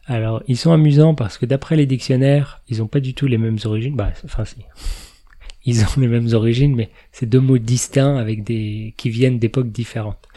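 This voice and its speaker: Man, podcast host, casual explanatory chat, mellow dark voice, mid pitch. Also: steady tone, normal speed. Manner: chatty, laughs at his own remarks.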